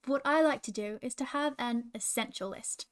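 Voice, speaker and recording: A woman in a princess role, gently coaching children and asking them questions. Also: a little high, normal speed.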